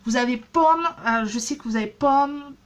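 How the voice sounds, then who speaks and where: Chatty woman vlogger, slightly high voice. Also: moderate pace, smooth. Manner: chatty, many fillers and restarts. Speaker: beauty vlogger. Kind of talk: casual haul vlog.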